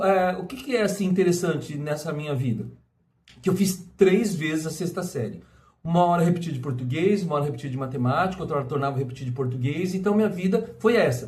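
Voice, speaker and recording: Speaking casually to the camera, a middle-aged Brazilian vlogger rambles through a personal monologue full of restarts and tag questions. His voice is fairly high-pitched with a darkish tone.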